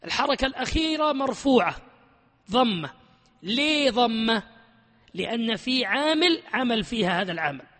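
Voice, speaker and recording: A man teaches a classroom grammar lesson in an animated, emphatic way, quizzing students constantly. His voice sits high. The room is a reverberant hall with a long ringing tail. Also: normal speed, pauses often.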